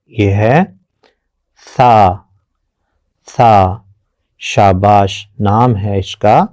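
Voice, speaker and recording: A man teaching children their letters, patient and encouraging, often praising and drilling slow repetitions. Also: lowish voice, mellow, no echo. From Pakistan. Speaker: Quran teacher.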